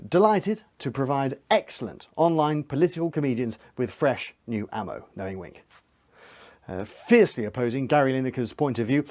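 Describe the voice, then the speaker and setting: A man playing a smug government minister who describes his own briefing in clipped, deadpan stage-direction phrases. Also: a little high.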